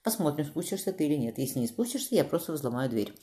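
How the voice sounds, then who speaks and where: A calm courtly admiral, dark low voice, smooth and sure of himself, read by a woman, quick storybook reading. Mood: gruff. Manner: calm, gallant.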